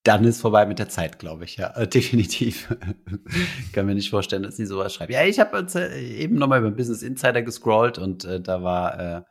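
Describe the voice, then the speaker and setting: A man's voice: on the low side, animated, a little fast. A man co-hosting a casual podcast, rambling along with lots of fillers and restarts. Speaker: podcast co-host.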